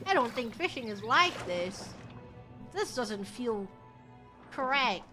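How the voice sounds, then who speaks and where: A woman's voice: on the high side, sing-song, takes it slowly, music in the background. A woman game streamer giving casual, playful gameplay commentary with theatrical reactions.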